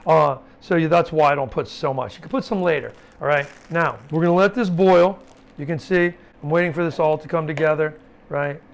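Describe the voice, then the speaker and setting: A man's voice: on the high side, fairly quick, creaky. A man, a chef, teaching a casual cooking class in a home kitchen, talking informally with lots of fillers and asides. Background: sizzling pan and chopping.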